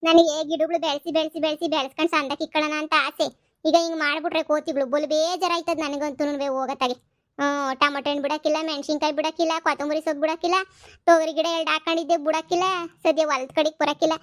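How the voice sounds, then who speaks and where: A woman's voice: sits high, little pitch movement, dry recording, clean studio sound, close to an everyday voice. A woman voicing a naive young village wife who frets and complains. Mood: fretting. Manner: rustic village dialect, complaining, drawn-out sighs.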